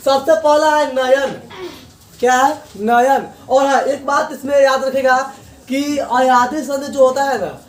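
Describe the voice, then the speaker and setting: A man's voice: very high-pitched, a little hiss or hum. A man teaching Hindi grammar, repeating each point as a question and answering it himself. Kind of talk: classroom grammar lesson. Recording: echoey room, voice from far off.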